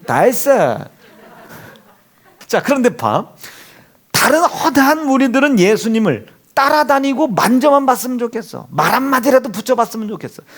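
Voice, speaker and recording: A man's voice: extremely high pitch, very animated, normal speed. A male pastor preaching a sermon in a church, asking the congregation rhetorical questions and acting out quotes. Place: church sanctuary. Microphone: handheld or stand microphone.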